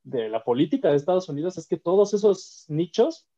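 A man, co-hosting a casual political podcast, explaining ideas slowly with many fillers and restarts. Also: sits high, sing-song, dark tone, highs cut off. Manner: thoughtful, hesitant, many fillers. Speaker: podcast co-host.

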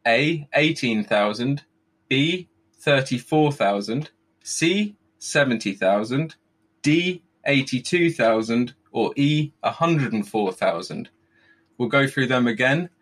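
A man's voice: mid-range voice, animated, slow, a bit bright. A man hosting a casual live quiz, reading out questions and answers. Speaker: quiz host. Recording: clear background noise.

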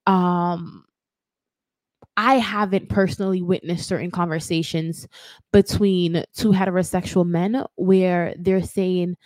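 A woman's voice: fairly low pitch, fairly even intonation, takes it slowly, a little mellow, dry recording. A woman with a Jamaican lilt hosts a casual commentary show. She talks in a chatty way and keeps hedging and correcting herself. Her voice sits close to the mic in a dry, dead space. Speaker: host.

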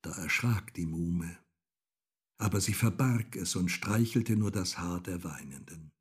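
A man reading a fairy tale aloud as a storyteller, in a measured, calm way. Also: low voice, slightly rough. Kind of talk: scripted fairy-tale narration.

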